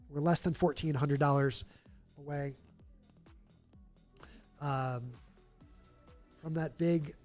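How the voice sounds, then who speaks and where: In a stadium event room, a livestream host keeps a charity stream going with upbeat filler chat. He has a nasal voice of fairly high pitch and a darkish tone.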